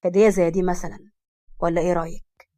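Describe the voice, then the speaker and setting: A woman playing a flirty egyptian guy in an audio story, lowish voice, rattles off his lines quick. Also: level tone, dark tone, lightly acted. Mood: teasing. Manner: teasing, dramatic complaining.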